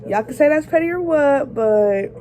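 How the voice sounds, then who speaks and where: A woman vlogger, raspy from just waking up, chatting directly to her viewers as she tells a casual story. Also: high-pitched, expressive, normal speed, dark tone, a little hiss or hum, rough recording.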